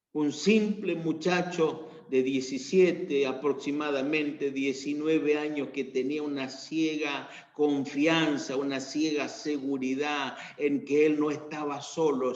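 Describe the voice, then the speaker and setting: A man with an Argentine accent preaching a sermon, rising to emphatic peaks and then dropping low. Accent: Argentine Spanish. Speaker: pastor. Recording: echoey church room, dull lo-fi sound.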